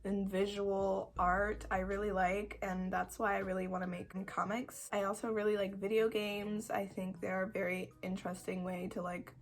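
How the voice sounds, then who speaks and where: A 21-year-old woman with a croaky voice, chatting casually to camera in a rambling, self-deprecating way with dramatic emphasis. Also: mid-range voice, flat delivery, moderate pace, hardly any pauses. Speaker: video creator answering follower questions.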